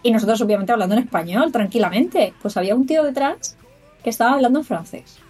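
Woman telling a lively anecdote. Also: on the high side, fast, husky, soft background music. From Spain. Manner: animated, quotes people in put-on voices. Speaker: podcast co-host. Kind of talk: casual anecdote storytelling.

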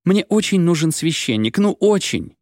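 A man reading an audiobook and voicing a chatty, naive young woman who rambles and pleads in a raised pitch. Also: big pitch swings, moderate pace, a little mellow, no echo, studio quality. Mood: pleading. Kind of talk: audiobook character voice.

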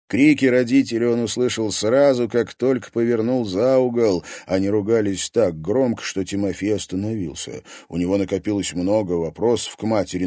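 A man narrating an audiobook in an even storytelling manner. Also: fairly low pitch, no room sound, clean studio sound. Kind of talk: scripted narration.

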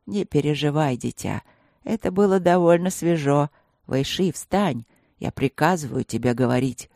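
A reader voicing a wise old grandfather tiger who speaks in an unhurried sing-song. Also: medium pitch, expressive, vocal fry, darkish tone, dry recording, studio quality. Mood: calm.

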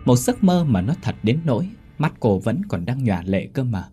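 A man reading a horror story aloud in a measured, unhurried way. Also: medium pitch, big pitch swings, mellow, soft background music. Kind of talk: scripted horror narration.

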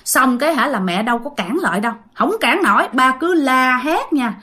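A woman with a Southern Vietnamese accent tells a ghost story in a high-pitched, animated, sharp-toned voice at a moderate pace. She's chatty and speaks straight to her listeners.

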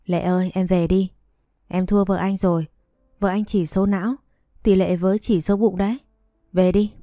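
A woman's voice: mid-range voice, steady tone, moderate pace, warm tone, no echo, clean studio sound, faint music behind, natural voice. Woman reading as a drunken cheating husband. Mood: drunk, mocking. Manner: slurred, wheedling.

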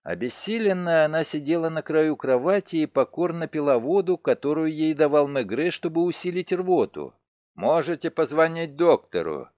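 A man narrating a detective novel in an expressive reading. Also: fairly high pitch, normal speed, few pauses, no echo. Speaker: audiobook narrator. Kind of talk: scripted narration.

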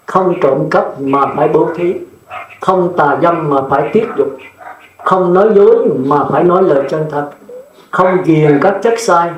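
A man's voice: fairly high pitch, a little slow, roomy sound, low-quality recording. An older man, a Buddhist monk, giving a blunt, plain-spoken dharma sermon that often checks in with the listeners.

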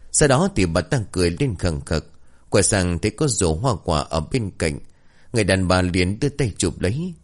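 A man's voice: low voice, darkish tone. A man narrating a scripted horror story in a dramatic storytelling manner.

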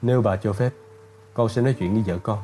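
A male narrator playing a nervous middle-aged butler who talks in a hurried, pleading way. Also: on the low side, mellow, soft background music, lightly acted. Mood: anxious.

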